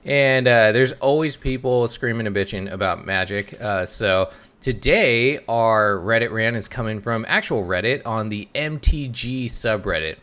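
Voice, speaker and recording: A man's voice: lowish voice, a little slow, fairly bright tone. A man co-hosting a casual podcast, joking and giggling as he talks. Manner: giggly, jokey. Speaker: podcast co-host.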